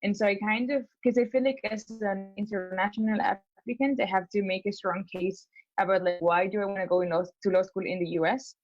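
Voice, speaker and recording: A young Spanish woman applying to law school talks through her plans on a casual consultation call, hesitating often with fillers and restarts. Her mid-range voice is fairly quick and fairly even in intonation. The recording is muffled but has no echo.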